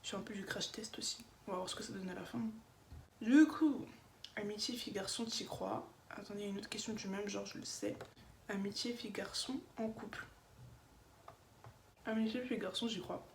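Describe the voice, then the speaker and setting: A woman's voice: mid-range voice, fairly even intonation, brisk, pauses often. Young female beauty vlogger, slight slushy lisp, informal and opinionated chit-chat, roomy sound. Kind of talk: casual chatty makeup vlog, answering questions. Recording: echoey room with faint background noise.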